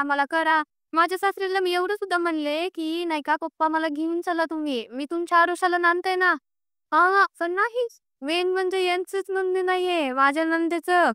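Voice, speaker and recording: An aggrieved young caller with a high, slightly bright voice insists and pleads over a personal grievance, repeating herself during an emotional private phone call that was recorded. The sound is clean studio quality, free of echo.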